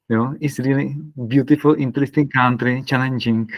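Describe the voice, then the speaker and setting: A man from the Republic, a parish priest talking casually on a video call, searching for words with soft laughs. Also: medium pitch, steady tone, moderate pace, no room sound, low-quality recording. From Czech Republic.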